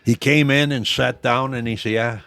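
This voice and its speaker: A man in his eighties who owns a gym tells old stories in an interview, rambling and repeatedly saying "I says" as he quotes others. His mid-range voice is steady with vocal fry, at a moderate pace, over crowd noise.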